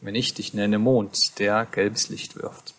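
A man reading a literary story aloud as an audiobook narrator, with a measured, deliberate delivery. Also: lowish voice, flat delivery, a bit bright.

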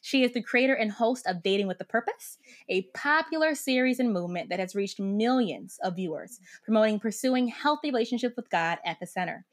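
Woman, podcast host, enthusiastic, laughs easily, fairly high pitch. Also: expressive, a little fast. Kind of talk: upbeat podcast interview.

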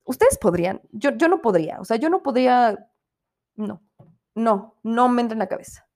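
A young Mexican woman with a fairly high voice rants through a casual spoken review of a series. She swears freely and switches into quick put-on voices to mimic the people she talks about. Her tone is irreverent and unfiltered throughout. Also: very animated, creaky, darkish tone. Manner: profane, ranting, irreverent. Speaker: podcast host reviewing a series.

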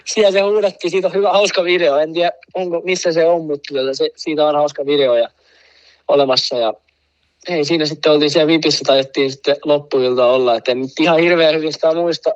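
A man's voice: a little high, fairly even intonation, dull audio. A man casually telling a long, rambling anecdote, full of fillers and asides. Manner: rambling, full of fillers, laughs at own story. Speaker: guest telling a story.

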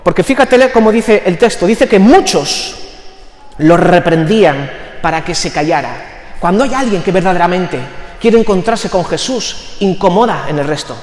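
A man's voice: sits high, animated, moderate pace. A man preaching a sermon with fervent, emphatic delivery. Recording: echoey hall reverb.

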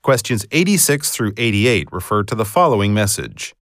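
A male test narrator reads scripted questions formally, with careful enunciation. His fairly low voice has strongly varied intonation, and the recording is dry and close. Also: sing-song, moderate pace, a bit bright, dry recording.

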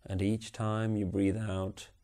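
A man guiding a body relaxation meditation with slow, soothing, unhurried instructions. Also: fairly low pitch, flat delivery, mellow. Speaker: meditation guide. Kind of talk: guided relaxation script.

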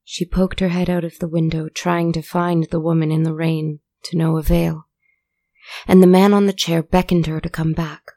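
Woman storyteller, low voice, flat and measured, dark mellow tone, dry sound. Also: no echo. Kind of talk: scripted story narration.

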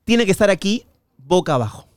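A man from Peru hosting an interview, showing his guest a card trick with slow, theatrical instructions. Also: high-pitched, big pitch swings, dry recording, clean studio sound. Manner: warm, theatrical when leading a card trick. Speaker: interview host and amateur magician. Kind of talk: casual interview conversation.

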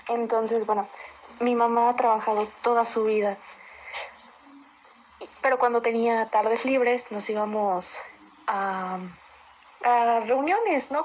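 A woman's voice: a little high, darkish tone. A woman from Mexico, chatting casually about something that happened to her in childhood. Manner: chatty, meandering with fillers. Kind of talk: casual personal account. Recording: dull lo-fi recording with faint noise.

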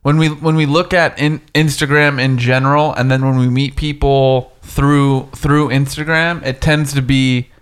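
A man in his thirties co-hosting a casual interview, relaxed and rambling with restarts. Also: medium pitch, moderate pace, hardly any pauses, clear, resonant tone. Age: 30s. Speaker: co-host.

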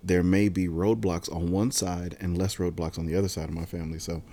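A man's voice: low voice, brisk. A man hosting a podcast in casual conversation, enthusiastic and chatty, quizzing his co-hosts. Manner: enthusiastic, animated asides. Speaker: podcast host.

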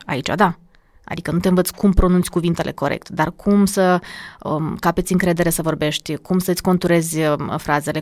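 Animated woman, diction coach. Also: lowish voice, no room sound. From Moldova. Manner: animated, acts out examples. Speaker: diction and public speaking coach. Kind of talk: podcast interview guest.

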